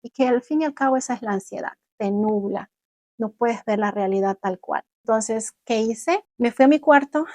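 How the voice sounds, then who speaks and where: A young adult woman vlogging, telling viewers about her own experience in an animated way and acting out what she once said. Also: on the high side, normal speed, no room sound. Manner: animated, acts out her own past words. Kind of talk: personal storytelling to viewers.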